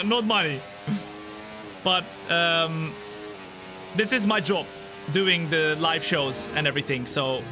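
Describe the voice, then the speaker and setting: Race car engines and game music run under this twenties-aged sim racing streamer's live commentary. Talking with his viewers, he stays relaxed in quiet stretches but gets excitable, his voice jumping high, when race action hits.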